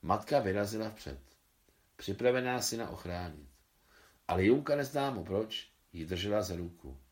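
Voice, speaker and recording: A man reading a short story aloud in a steady storytelling manner, now and then correcting a slip. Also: fairly low pitch. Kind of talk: scripted story narration.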